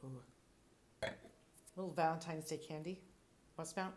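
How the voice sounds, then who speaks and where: A woman's voice: low-pitched, a little slow. A woman sommelier giving casual tasting commentary, thinking aloud with playful, descriptive asides. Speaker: sommelier reviewing wines.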